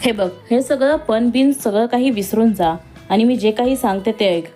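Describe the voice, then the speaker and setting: A bold young woman fresh out of medical school, quick to defend her friend and fond of teasing, as a woman reading the story plays her. The voice is on the high side, with light music faintly underneath. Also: warm tone, natural voice. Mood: lively. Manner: outspoken, teasing. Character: spirited young woman, newly qualified doctor.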